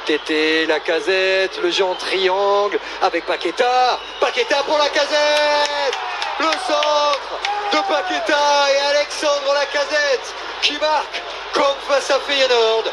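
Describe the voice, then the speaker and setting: A man commentating live football, shouting with excitement and breaking into long goal yells over loud stadium noise. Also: extremely high pitch, takes it slowly. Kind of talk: live match commentary in French. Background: stadium crowd ambience.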